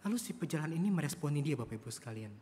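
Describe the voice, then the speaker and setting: A man's voice: on the high side, expressive, racing, dark tone, a little hiss or hum. A male preacher telling a story in a church sermon, often addressing the congregation. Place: church service. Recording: long church hall reverb.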